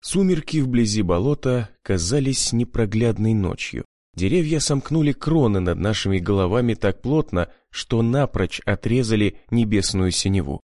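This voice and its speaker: A man's voice: fairly low pitch, lively intonation, normal speed, darkish tone, no echo, studio quality. A man reading an adventure novel aloud in first person, with dramatic, tense storytelling. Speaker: audiobook narrator. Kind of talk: scripted first-person narration.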